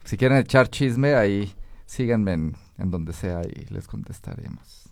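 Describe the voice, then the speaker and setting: Low-voiced, joking musician. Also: male voice, a little slow, creaky, no echo. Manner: relaxed, joking. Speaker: musician guest. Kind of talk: radio interview.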